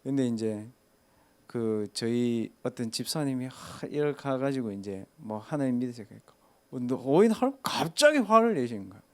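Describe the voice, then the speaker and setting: A man's voice: medium pitch, sing-song, moderate pace. A man, a pastor telling a story in a casual sermon and asking listeners rhetorical questions. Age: 30s.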